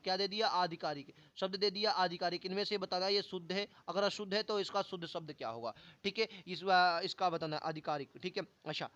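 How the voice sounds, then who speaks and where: A man with a fairly high voice runs a casual exam-prep lesson. He fires rhetorical questions at his viewers and answers them himself, repeating each key word. The sound is dull and lo-fi. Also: bright, forceful tone. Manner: colloquial, addresses viewers as brothers and friends. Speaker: Hindi teacher for exam practice. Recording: dull lo-fi audio.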